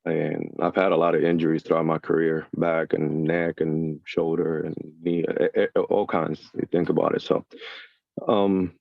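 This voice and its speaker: Deep gravelly dude from puerto rico, flat delivery, muffled call audio. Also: male voice, no room sound. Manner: relaxed, halting with fillers. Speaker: new student. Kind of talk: casual self-introduction.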